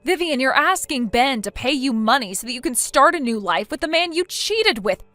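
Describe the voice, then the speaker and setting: A woman's voice: sits high, lively intonation, normal speed, sharp tone, dry recording, soft background music. A synthetic female voice playing a blunt friend who lectures in a stern tone. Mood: scolding.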